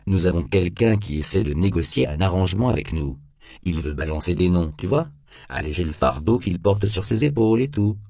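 A man's voice: low voice, animated, fairly quick, creaky, mellow, no room sound, studio quality. A man voicing a sardonic, hard-nosed police detective interrogating a suspect in a cool, needling tone in an audiobook. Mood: pressing. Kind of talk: audiobook character voice.

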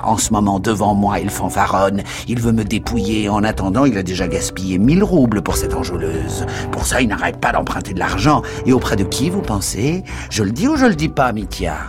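A man voicing a blustering, whining old father. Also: natural voice. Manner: whining, wheedling, rises to shrill protests. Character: blustering old father, self-pitying and sly. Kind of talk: dramatic book reading.

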